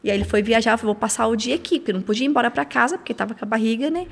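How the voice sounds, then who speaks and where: A woman's voice: on the high side, very fast, vocal fry, big-room sound. A Brazilian woman in her forties, a podcast guest, telling a personal story in casual chat and laughing as she goes. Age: 40s. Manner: animated, laughing as she tells it.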